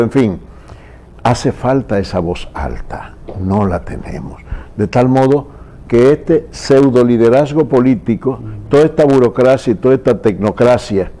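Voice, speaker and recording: A man hosting a political TV interview, speaking in a reflective, measured way. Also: medium pitch, warm tone. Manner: reflective, measured, asks long questions.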